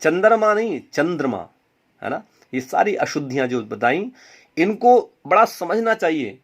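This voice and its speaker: A man's voice: on the high side, very animated, measured pace, fairly bright tone, husky. A man teaching a Hindi grammar lesson, repeating words and asking and answering his own questions. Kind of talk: classroom lesson.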